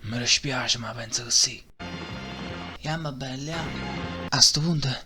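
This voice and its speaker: A man's voice: mid-range voice, unhurried, lightly acted. A man voicing an earnest, determined martial-arts hero with a colloquial manner and a Neapolitan accent in a parody cartoon dub. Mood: wary. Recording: music under the voice. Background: music.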